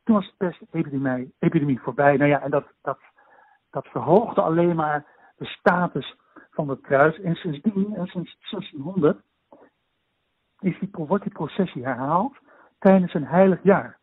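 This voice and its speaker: A man on a poor-quality remote connection explains events at length in an interview, halting often with fillers and restarts. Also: expressive, husky, no room sound. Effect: low-quality remote connection with poor sound. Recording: tinny, dry phone-like line.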